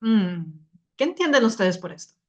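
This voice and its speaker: A woman's voice: medium pitch, very animated, normal speed, darkish tone, muffled recording. A young woman teaching a spoken grammar lesson to a class, explaining patiently, often restarting her words.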